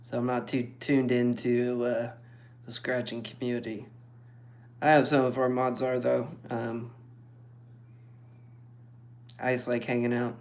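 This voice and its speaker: A man streaming and chatting casually with viewers, relaxed and rambling. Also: mid-range voice. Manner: relaxed, rambling, slow and even. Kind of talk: casual chat.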